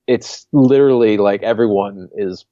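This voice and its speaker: Low-voiced, laid-back man on a dull line. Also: normal speed, no room sound. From Washington, D.C. area. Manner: laid-back, self-deprecating, laughs easily. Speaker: podcast guest, comedian. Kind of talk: casual chat.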